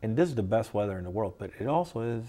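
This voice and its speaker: A man being interviewed as a guest, talking in an earnest, halting way with frequent restarts. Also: lowish voice, expressive, warm tone. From United States. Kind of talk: casual interview chat.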